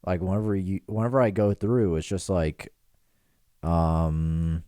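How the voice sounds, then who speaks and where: A man's voice: low-pitched, steady tone, measured pace, dark tone, no echo, clean studio sound. A man in his twenties hosting a podcast, rambling and riffing in casual joking chat in a small room with pillows dampening the sound. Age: 20s. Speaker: podcast host.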